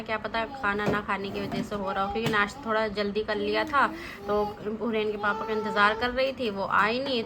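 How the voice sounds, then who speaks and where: A young woman vlogging casually at home, talking in a rambling, chatty way to her viewers. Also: very noisy. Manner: chatty, rambling, switches to high baby talk with her toddler. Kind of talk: casual home vlog chat.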